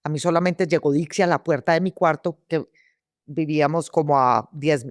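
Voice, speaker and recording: A Colombian woman gives personal testimony as an interview guest, vivid and full of restarts and repeated words. Her low-pitched voice is fairly even in intonation at normal speed, with clean studio sound and no echo.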